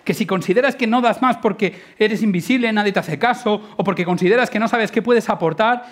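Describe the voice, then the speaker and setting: A man from giving an informal, lively sermon, acting out dialogue and dropping to hushed, intimate tones. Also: sits high, a little fast. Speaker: preacher.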